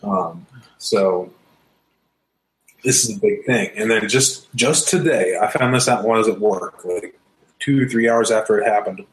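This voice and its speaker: A man with a fairly low voice chats on a podcast, excitable and rambling, with frequent laughs. He talks in a loose, casual way as a co-host. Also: unhurried, rough recording.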